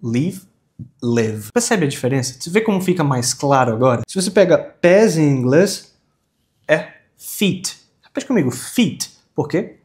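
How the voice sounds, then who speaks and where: Young Brazilian man, English teacher, fairly high voice, informal and energetic, repetition drills. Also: fairly quick. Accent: Brazilian Portuguese. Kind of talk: casual video lesson.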